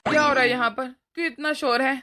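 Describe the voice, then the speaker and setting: A woman's voice: high voice, fairly even intonation, fast, sharp tone. A woman voicing an exasperated young husband scolding his mother in a cartoon, with an impatient manner. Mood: annoyed. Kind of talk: cartoon voice acting.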